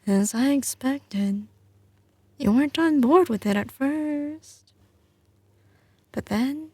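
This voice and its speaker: Fond and impressed, this woman plays a mafia heiress girlfriend in an intimate ASMR roleplay, doting and confident, with a light Southern US drawl and a tender, assured, often whispered delivery. Her mid-range voice carries a warm tone on a dry recording.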